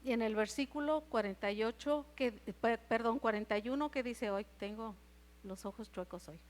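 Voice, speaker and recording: A woman's voice: fairly high pitch, moderate pace. A woman with a Mexican accent preaching a Sunday sermon in church. She retells scripture and keeps asking the congregation questions. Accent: Mexican Spanish. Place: church service.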